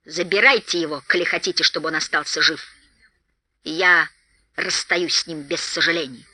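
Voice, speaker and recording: Woman voicing a furious dwarf king, harsh and shouting. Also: sits low, normal speed, no echo, pitched below the performer's own voice, exaggerated voice. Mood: bitter proclaiming. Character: proud, wrathful male dwarf king.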